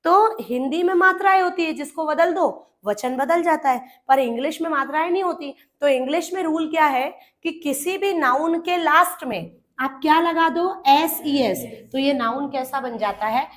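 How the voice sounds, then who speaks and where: High-voiced Indian woman teaching grammar. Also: normal speed, few pauses. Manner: explains step by step, addresses students as "beta", asks and answers her own questions. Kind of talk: exam-prep classroom lesson.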